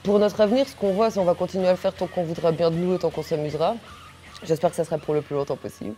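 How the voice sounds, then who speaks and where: A woman's voice: fairly low pitch, fairly even intonation, very fast, over music. A woman, a punk singer answering interview questions bluntly and crudely, with jokes and fillers. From Belgium. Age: 30s.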